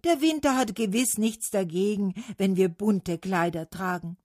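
A woman voicing a chorus of eager, complaining trees who call out excitedly in a storybook reading. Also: medium pitch, measured pace, no echo, clean studio sound, lightly acted. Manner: excited, calling out.

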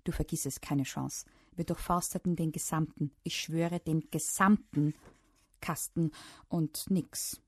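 A woman's voice: low voice, fairly even intonation, a little slow, breathy edge, dry recording, heavily acted. A woman voicing an easygoing father who talks with dry, ironic understatement. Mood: wry.

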